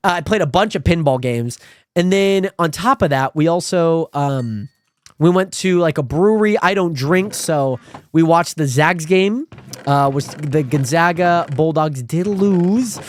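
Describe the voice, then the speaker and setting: A man's voice: unhurried, no echo. A man in his twenties from the Pacific Northwest, streaming and chatting casually with viewers in a rambling, friendly way. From Spokane, Washington. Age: 20s. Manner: rambling, friendly, animated with sudden high pitch jumps. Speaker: livestreamer. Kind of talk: casual stream chat reading viewer comments.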